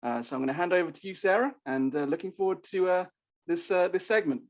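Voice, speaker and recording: A man's voice: high-pitched, quick pace. A man hosting an event, introducing the next segment with many hesitant fillers. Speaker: host.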